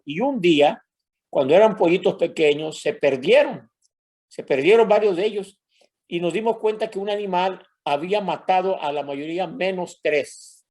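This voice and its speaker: A man's voice: high voice, a little mellow. An older man from Mexico with a Mexican Spanish accent, a pastor telling a personal story in a sermon and addressing the congregation as brothers.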